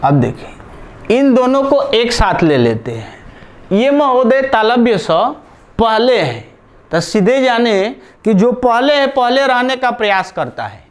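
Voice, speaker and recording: A man's voice: very high voice, big pitch swings, unhurried. A man teaching a live online grammar class, explaining step by step and repeating key terms while he writes on a board.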